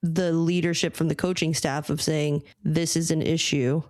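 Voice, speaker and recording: A woman co-hosting a casual sports podcast, talking in a measured, thoughtful way with a few fillers. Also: sits low, fairly even intonation, a little mellow, dry recording. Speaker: podcast co-host.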